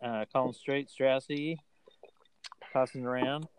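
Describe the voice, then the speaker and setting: A man's voice: mid-range voice, steady tone, unhurried, slight background noise. An Australian man hosting a casual podcast chat in a laid-back, jokey way. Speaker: podcast host.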